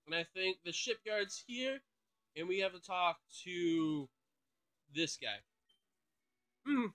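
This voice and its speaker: High-voiced man doing game commentary. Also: takes it slowly. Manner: excitable, swears casually, thinks aloud. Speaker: gaming channel host. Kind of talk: let's play commentary.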